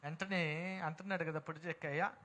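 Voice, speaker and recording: A man's voice: high-pitched, a little fast, pushed and bright. A man with a Telugu accent preaching a sermon in a prayer hall, emphatic and calling out to the congregation for responses. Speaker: pastor.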